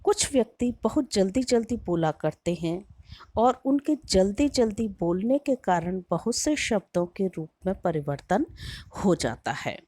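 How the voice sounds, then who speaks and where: A middle-aged woman delivers a university lecture, unhurried and careful. She explains step by step and lingers over her examples. The sound is dry and close, with no room echo. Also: medium pitch, lively intonation, dark tone, slightly rough. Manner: slow, measured and explanatory, drawing out example words. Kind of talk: recorded lecture.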